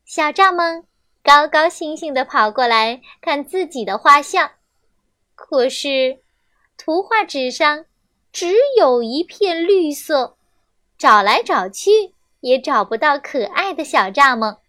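A young woman reading a children's story aloud, gentle and expressive, on a close mic. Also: sits high, takes it slowly, no echo.

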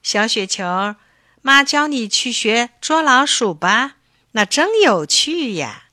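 女士扮演的温柔耐心的猫妈妈. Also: female voice, fairly high pitch, very animated, slow, no room sound, clean studio sound, heavily acted. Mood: coaxing. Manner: gentle, coaxing. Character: patient loving mother cat. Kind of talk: storybook reading.

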